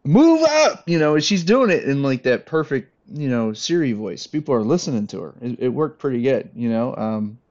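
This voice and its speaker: A man's voice: medium pitch, animated, a little fast, few pauses, darkish tone. A man who organizes airsoft games, chatting casually on a podcast in a rambling, laid-back way with lots of fillers. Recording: dull lo-fi audio.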